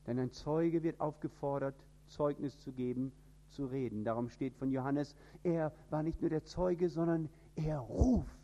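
A man from northern Germany with a standard High German accent, preaching an emphatic sermon. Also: a little slow, dull audio. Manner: emphatic, with sudden rises in pitch and loudness.

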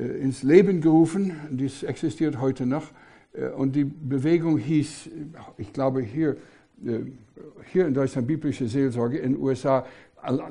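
Mellow-voiced older male preacher. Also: fairly high pitch. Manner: emphatic, rhetorical questions, frequent hesitations. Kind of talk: sermon.

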